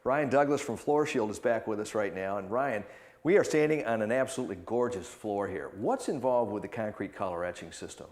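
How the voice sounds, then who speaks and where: A man's voice: lowish voice, brisk, darkish tone. Upbeat male infomercial host, hard sell. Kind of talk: scripted hard-sell presenting and interviewing.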